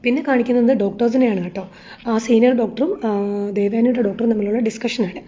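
A woman's voice: on the high side, fast, dark tone. A woman, casually retelling a serial episode in a chatty way. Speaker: serial recap narrator. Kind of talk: casual story recap. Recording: slightly dull lo-fi recording.

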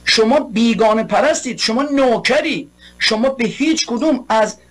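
Man, high voice, heated political monologue, rhetorical, repetitive lists. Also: expressive. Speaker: political commentator.

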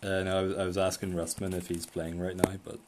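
A man's voice: low voice, flat delivery, fast, very noisy. A man streaming a game live, chatting casually with friends and swearing at his bad shots.

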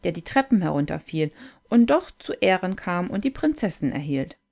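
A woman's voice: fairly low pitch, big pitch swings, normal speed, creaky, darkish tone. A woman voicing a kindly little plump man telling children a story, in a friendly way.

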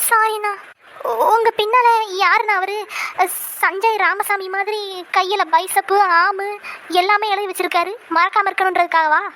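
A woman's voice: very high voice, steady tone, normal speed, bright, forceful tone, slight background noise. A woman voicing a cheeky, greedy young woman held captive in a cartoon, chirpy and wheedling as she rattles off long lists. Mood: curious. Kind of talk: cartoon voice acting.

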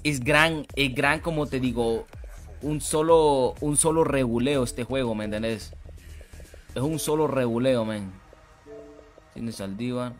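Young guy streaming a game, slangy, keeps repeating himself, bit of music behind. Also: mid-range voice. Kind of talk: casual live-stream chat while gaming.

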